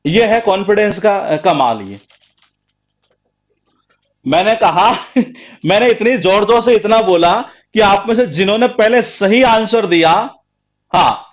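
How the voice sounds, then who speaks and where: A man's voice: high voice, slow pace, long pauses, muffled recording. A man teaching a grammar class, emphatic and repetitive, quizzing his students again and again. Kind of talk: live online class lecture.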